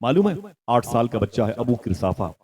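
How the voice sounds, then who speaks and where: A man preaching a sermon with impassioned storytelling that swells into loud exclamations, and he prompts his listeners to call back. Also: medium pitch, very animated, a little fast.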